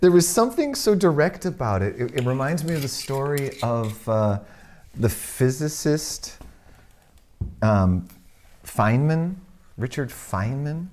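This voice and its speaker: A male podcast co-host talking in a casual, wry way. He rambles through stories with plenty of restarts. His voice sits at a middling pitch. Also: lively intonation, a little slow, darkish tone, slight background noise. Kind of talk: casual chat.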